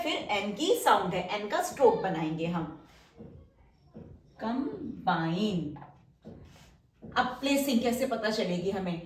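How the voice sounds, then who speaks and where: A woman teaching shorthand, explaining step by step and patiently repeating each word slowly as she writes it. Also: a little high. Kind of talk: explaining step by step while writing outlines. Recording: roomy echo, mic somewhat distant.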